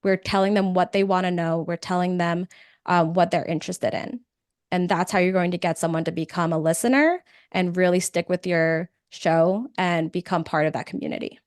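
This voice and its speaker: A woman presenting a live webinar on podcasting, speaking in a conversational, energetic way with frequent fillers. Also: fairly low pitch, normal speed, smooth, dry recording, clean studio sound.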